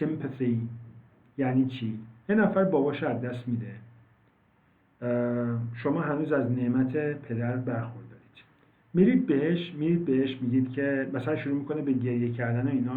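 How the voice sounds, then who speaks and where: A man teaching an online English class, explaining words slowly and repeating them, with many fillers. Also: medium pitch. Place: online video call. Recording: tinny phone-like call audio, echoey.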